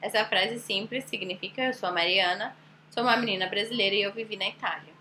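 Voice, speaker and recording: A woman's voice: mid-range voice, sharp tone, slight background noise. A woman with a Brazilian Portuguese accent teaching an online language lesson, explaining patiently and asking rhetorical questions. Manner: explanatory, with rhetorical questions and slow demonstrations of words. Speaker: Italian teacher.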